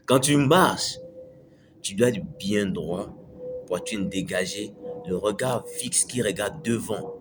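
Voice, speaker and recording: A man's voice: fairly low pitch, slow pace, pauses often, music in the background. A man giving a casual motivational talk to camera, repeating his points and checking the listener follows. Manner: conversational, repeats phrases, asks "tu me suis". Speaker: self-improvement video host.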